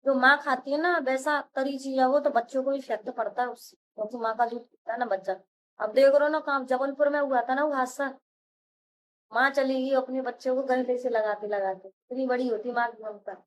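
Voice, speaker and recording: A young woman with a sore, hoarse throat, chatting casually through her village vlog, coaxing and scolding family and kids. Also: high voice, fairly even intonation, brisk, a little hiss or hum. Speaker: village vlogger. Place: outdoors in a village, farmyard and lanes.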